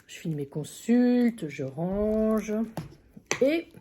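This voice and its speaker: A woman's voice: medium pitch, animated, drawn-out words, background noise. A woman psychic medium vlogging casually, telling a story with many fillers and repetitions. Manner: chatty, many fillers and repeated phrases. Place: at a friend's country house.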